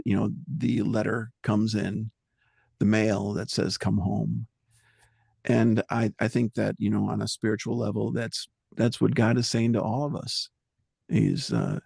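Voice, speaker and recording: Interview guest: man, low husky gravelly voice, dry sound, earnest and halting. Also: dark tone, dry recording. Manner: halting, searching for words, earnest. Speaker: musician guest. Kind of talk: reflective interview talk.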